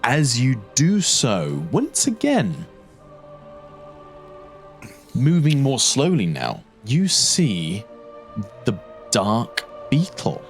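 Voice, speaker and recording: A man narrating a tabletop role-playing game as game master, describing scenes deliberately and sometimes correcting himself. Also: medium pitch, wildly swooping pitch, faint music behind.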